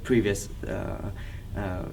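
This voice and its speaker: With a creaky, fairly low voice and fairly even intonation, this man from Vietnam, in his thirties, gives recollections during an oral history interview. A native Vietnamese speaker with a matching accent, he is hesitant and halting, frequently stopping to find words. Faint noise sits behind a somewhat distant microphone.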